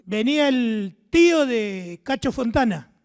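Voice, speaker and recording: An older man from Argentina with an Argentine accent and a hoarse voice, preaching a sermon as pastor, telling stories and acting out the dialogue. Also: extremely high pitch, expressive, unhurried, long reverb tail. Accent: Argentine Spanish. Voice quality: hoarse, gravelly voice. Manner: storytelling, acts out dialogue, asks the audience questions.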